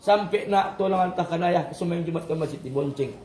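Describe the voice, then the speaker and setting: A man's voice: a little high, fast talker, a little mellow, roomy sound, rough recording. A man giving a religious study lecture to a group of women, joking, chuckling and often correcting himself mid-sentence. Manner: jokey, chuckling storyteller. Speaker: religious teacher.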